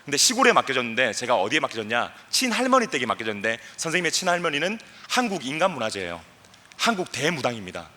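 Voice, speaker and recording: A young man giving a playful, animated talk to a youth camp audience, acting out voices and leading the crowd in chants. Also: mid-range voice, fast. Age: young adult. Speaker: guest speaker at a youth camp.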